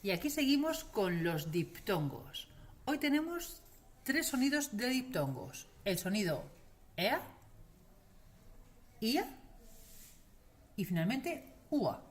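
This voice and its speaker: Slow, lively-voiced woman teaching pronunciation. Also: mid-range voice. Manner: slow, drawn-out model pronunciations, repeating words for learners. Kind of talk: classroom-style lesson to camera.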